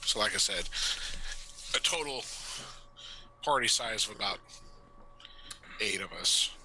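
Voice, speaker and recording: Bright, easygoing man playing a tabletop game. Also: lowish voice, slow, a little hiss or hum, poor audio. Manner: relaxed, hedging, recaps with "I believe". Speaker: player. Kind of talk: casual chat at a game table over a call.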